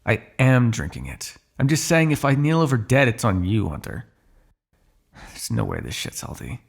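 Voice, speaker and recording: In an ASMR roleplay monologue, a man plays a snarky male vampire, grumbling in a mid-pitched voice full of gravelly fry that swings animatedly. He sounds sardonic, exasperated and disgusted, addressing a single companion at a moderate pace with a very animated delivery.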